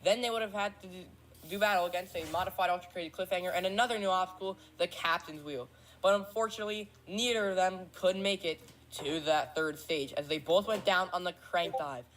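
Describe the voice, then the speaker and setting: A woman's voice: on the low side, brisk. A woman narrating the recap of a game tournament in an earnest, apologetic and thankful way.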